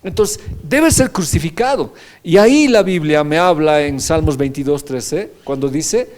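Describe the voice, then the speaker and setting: A man's voice: a little high, expressive, measured pace, darkish tone. A man preaching a sermon as pastor, reading scripture aloud and often asking the congregation rhetorical questions. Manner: reads scripture verses aloud.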